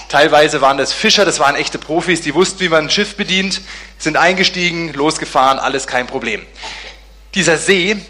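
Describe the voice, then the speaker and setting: A man preaching a sermon, telling a story in a lively way and acting out the dialogue in different voices. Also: on the high side. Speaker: pastor.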